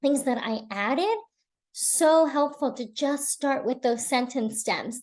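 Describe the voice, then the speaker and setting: A woman's voice: a little high, a little mellow. A woman giving a live webinar presentation over a video call, earnest and encouraging, often repeating words for emphasis.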